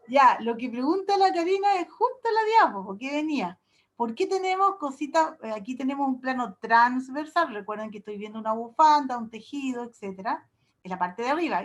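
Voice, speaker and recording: A woman professor giving an online workshop lecture in a chatty way, explaining with homely comparisons and little diminutives. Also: sits high. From Chile. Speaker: university professor.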